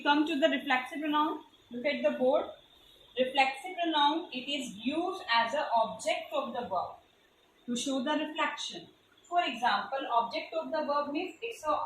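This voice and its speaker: Recorded from afar in an echoey room with a little hiss or hum, this high, fairly bright voice belongs to a woman teacher with an Indian English accent. She explains grammar to her pupils one step at a time and spells out letters.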